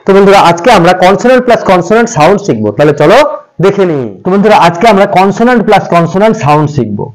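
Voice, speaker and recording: A man's voice: high-pitched, expressive, racing, rough recording. A man teaching an English pronunciation lesson, patiently repeating examples and speaking to viewers as friends.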